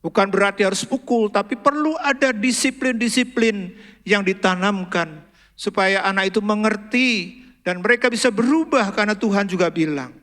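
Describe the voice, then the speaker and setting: High-voiced male pastor preaching in a hall. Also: normal speed. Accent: Indonesian. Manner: storytelling, acts out dialogue, swings from loud emphasis to soft asides. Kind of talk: sermon. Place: large church hall.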